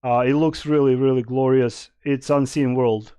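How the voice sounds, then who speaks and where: A man's voice: mid-range voice, steady tone, normal speed, dark tone, clean tone, no echo, studio quality. A young man from Serbia, casually streaming and answering chat questions in a rambling way with many fillers. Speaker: game streamer.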